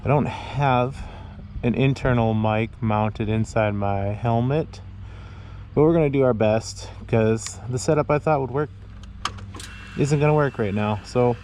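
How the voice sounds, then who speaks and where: A man's voice: medium pitch, unhurried. An American man from Minnesota talking casually and ramblingly to himself and viewers as he rides a motorcycle outdoors in traffic. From Minnesota, United States. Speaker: motovlogger. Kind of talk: casual rambling motovlog while riding. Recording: muffled outdoor recording with loud engine, wind noise. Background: loud engine, traffic and wind noise.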